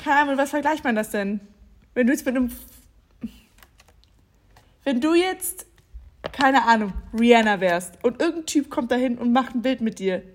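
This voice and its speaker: A woman, a podcast co-host in a casual chat who reacts with quick exclamations. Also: fairly high pitch, lively intonation.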